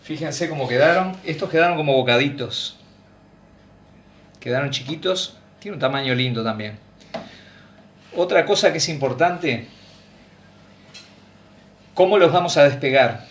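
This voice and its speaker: Man, slightly high voice, home cooking host, patient and self-correcting, recorded from across an echoey kitchen. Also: expressive, measured pace, long pauses, a little hiss or hum. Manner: patient, repeats and corrects himself. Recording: echoey room, mic far off.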